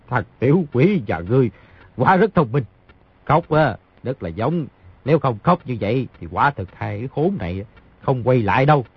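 Male voice actor as a gruff wounded outlaw, husky, lively delivery, dull lo-fi dry audio. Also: medium pitch, normal speed, dry recording. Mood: amused. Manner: barking, laughs often. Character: wounded gruff outlaw, middle-aged man, boisterous. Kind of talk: audiobook character voice.

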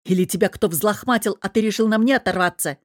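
A woman voicing a proud, hurt young man who snaps and shouts, in an audiobook. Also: fairly low pitch, normal speed, dry recording, studio quality, natural voice. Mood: angry. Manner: agitated, snapping. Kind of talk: audiobook character voice.

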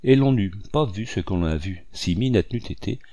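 Low-voiced man reading a classic tale. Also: no echo. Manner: measured, expressive storytelling. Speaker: audiobook reader. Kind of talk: reading a classic novel aloud.

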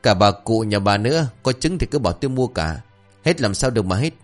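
A brash old man, played by a male storyteller, shouts his demands. The voice stays fairly low but bounces around a lot, with faint music behind. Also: lively intonation, brisk, lightly acted. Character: loud competitive old male rival buyer.

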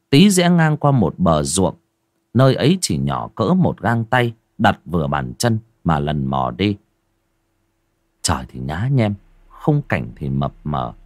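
A man narrating a ghost story in a lively, dramatic storytelling manner. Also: low voice, no room sound.

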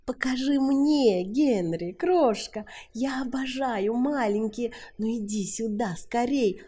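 A woman's voice: on the high side, takes it slowly, mellow, husky, pitched above the performer's own voice. A woman putting on a brazen, teasing seductress. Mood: seductive.

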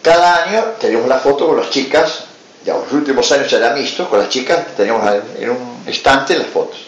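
A man's voice: medium pitch, a little fast. Man with an Argentine accent, echoey lecture. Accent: Argentine Spanish. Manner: tells anecdotes, acts out dialogue, adds "¿eh?" asides. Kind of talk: storytelling conference talk. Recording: roomy, dull lo-fi recording with faint hiss.

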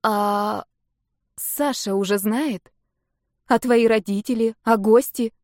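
A woman voicing excitable young violinist Marta. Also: a little high, slow pace, no room sound, clean studio sound. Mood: anxious. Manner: excitable, blunt questions.

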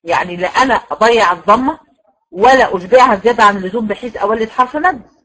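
An Egyptian woman gives a tajweed lesson to her students. She explains each point step by step, keeps checking with short questions, and stretches out example words very slowly so they can follow. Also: a little high, a bit bright, poor audio. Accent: Egyptian Arabic. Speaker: Quran recitation teacher. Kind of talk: online tajweed lecture.

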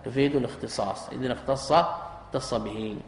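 A sheikh with a mid-range voice teaches Arabic grammar in a recorded lesson, speaking fairly quickly. He poses rhetorical questions and repeats key terms, and the recording carries echoey hall reverb.

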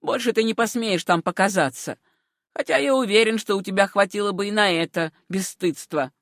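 A woman's voice: medium pitch, a little fast, no echo, clean studio sound, close to an everyday voice. A woman reading a scornful, bullying uncle. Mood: angry scolding. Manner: harsh, scolding, contemptuous. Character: stern angry middle-aged uncle, scornful and bullying. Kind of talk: audiobook character reading.

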